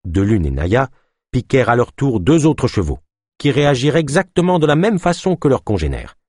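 A man's voice: mid-range voice, big pitch swings, normal speed, dark tone, slightly rough, no echo, clean studio sound. A man narrating an adventure story as an audiobook, reading expressively.

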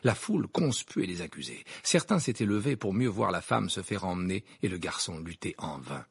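A man narrating an audiobook with a gravelly, very husky voice. His reading is expressive and dramatic, with a lively rise and fall. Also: low voice, normal speed, no room sound, studio quality. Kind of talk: scripted narration.

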